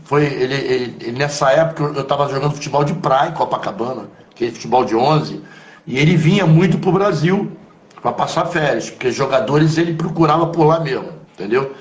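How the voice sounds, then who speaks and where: A man with a Carioca accent, a former footballer, telling stories from his past in an interview, in an animated, slangy way full of asides. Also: medium pitch, brisk. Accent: Carioca Brazilian Portuguese. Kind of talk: conversational storytelling interview. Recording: roomy echo.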